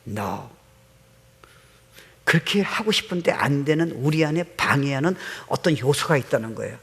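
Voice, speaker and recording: A man's voice: mid-range voice, expressive, moderate pace, gravelly, fairly bright tone, breathy edge. A middle-aged male pastor preaching a sermon, telling stories animatedly and mixing in English words. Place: church sanctuary. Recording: long hall reverb.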